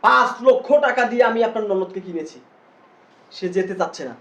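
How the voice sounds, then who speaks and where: A man's voice: sits high, a little fast, sharp tone. A man with a Bangladeshi Bengali accent playing a shady, pushy man who claims he bought a girl.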